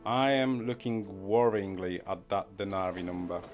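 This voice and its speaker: A man's voice: deep voice, moderate pace, darkish tone. A man casually commenting as he plays a game on a live stream, rambling and muttering to himself and chuckling at his own wordplay. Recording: background music under the voice.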